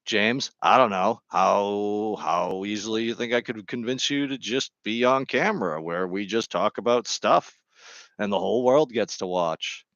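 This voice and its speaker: A man chatting casually on a vlog, rambling from topic to topic with deadpan, jokey humor, speaking into a Bluetooth microphone. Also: on the low side, measured pace, no echo, muffled recording. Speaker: vlogger.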